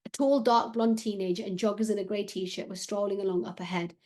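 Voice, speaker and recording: A woman author reading the first chapter of her children's novel, in an expressive, steady storytelling manner. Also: mid-range voice, brisk.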